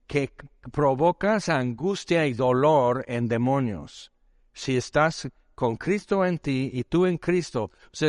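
A man's voice: a little high, no room sound. Male pastor, casual sermon delivery with rhetorical questions, dry sound. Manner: conversational, rhetorical questions, acts out voices.

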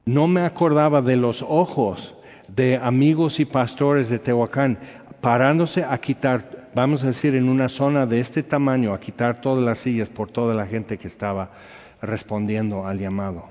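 A man, an evangelist telling his personal testimony in a rambling, animated way with many fillers. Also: mid-range voice, moderate pace. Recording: lo-fi with long hall reverb.

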